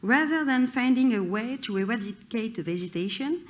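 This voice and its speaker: A woman's voice: a little high, lively intonation, normal speed. A woman with a French accent, reading a prepared conference talk with careful hesitations and restarts. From France. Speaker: conference speaker.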